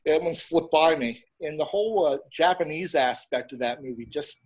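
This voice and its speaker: A middle-aged man chatting casually as an interview guest, rambling a little and pausing as he goes. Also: fairly high pitch, slightly rough. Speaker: interview guest, horror host and film reviewer.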